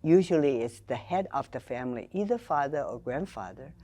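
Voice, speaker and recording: A woman's voice: rumbling low, expressive, brisk, mellow. An older woman from China and Taiwan, a guest explaining traditions in careful, storytelling conversation. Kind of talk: conversational interview.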